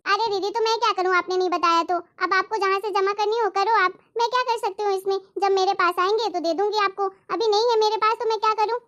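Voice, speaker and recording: A woman playing an evasive younger sister, high voice. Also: steady tone, quick pace, hardly any pauses, a bit bright, highs cut off. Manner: defensive, dismissive excuses. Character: evasive younger sister dodging her debt.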